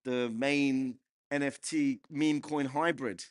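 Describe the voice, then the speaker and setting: A man's voice: medium pitch, steady tone, takes it slowly, no room sound, clean studio sound. A man hosting a casual panel Q&A, bantering, laughing often and prodding the guests for questions. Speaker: host. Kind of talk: lively panel Q&A chat.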